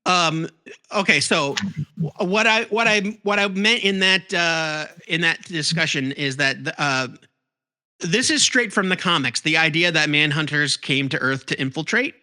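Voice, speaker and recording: A man co-hosting a comics podcast, explaining theories in a rambling, animated way with lots of fillers and restarts. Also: fairly high pitch, measured pace. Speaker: podcast co-host. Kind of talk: casual chat about comics.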